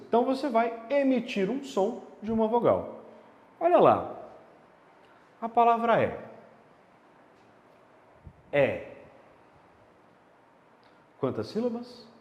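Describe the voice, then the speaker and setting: A male grammar teacher giving a video lesson, lively and emphatic, often checking in with the listener. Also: high voice, unhurried, pauses often. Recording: echoey room with long reverb.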